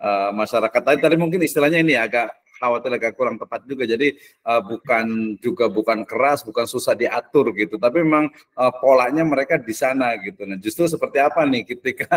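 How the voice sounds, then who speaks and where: A man hosting a podcast, talking in a relaxed, casual way with many hesitations. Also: mid-range voice. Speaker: podcast host.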